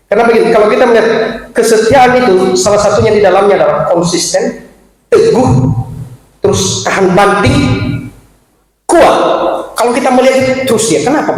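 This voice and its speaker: Man, pastor, sermon, high voice, chatty animated delivery, echoey church hall. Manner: animated, chatty preaching with laughs and asides to the congregation.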